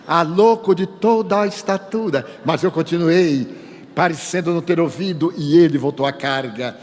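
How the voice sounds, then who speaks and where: A man's voice: on the high side, normal speed, slight background noise. An older man from Bahia giving a spiritist lecture in sermon style, telling humorous anecdotes and acting out the dialogue. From Bahia, Brazil. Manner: storytelling, acts out dialogue, humorous. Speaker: spiritist speaker. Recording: reverberant hall.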